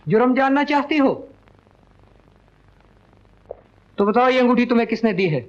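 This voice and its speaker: Jealous husband, highish voice, stern, formal, old film. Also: male voice, expressive, fast, muffled recording. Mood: accusing. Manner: stern, accusing, formal Urdu diction. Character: jealous young husband Iqbal, suspicious then remorseful. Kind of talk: 1940s film acting.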